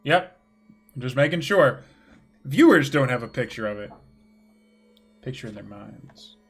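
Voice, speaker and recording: A man running a tabletop game as game master, narrating in a relaxed, chatty way. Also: medium pitch, unhurried, husky, faint music behind. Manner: relaxed, chatty, laughs easily.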